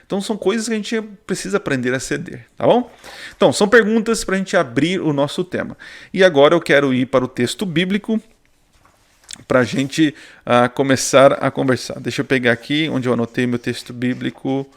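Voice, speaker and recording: A man's voice: medium pitch, a little fast. A married man with a Brazilian Portuguese accent teaching a casual online Bible study, often tagging his sentences with "né?" and "tá?". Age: adult, married. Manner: chatty, peppers speech with "né?" and "tá?". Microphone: sharing screen on a video call.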